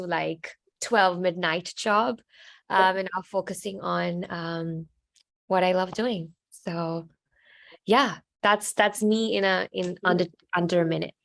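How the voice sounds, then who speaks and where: Gravelly-voiced young woman from Sri Lanka. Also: lowish voice, fairly even intonation, fairly bright tone. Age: 20s. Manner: halting, with many ums and uhs. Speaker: alumna panelist. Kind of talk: casual panel talk. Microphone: laptop on a video call.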